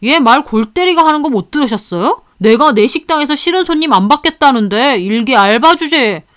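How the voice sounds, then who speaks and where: A woman voicing a rude, sneering male restaurant owner who mocks and shouts at people. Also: high-pitched, expressive, brisk, no echo, clean studio sound. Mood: angry shouting. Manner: shouting, mocking.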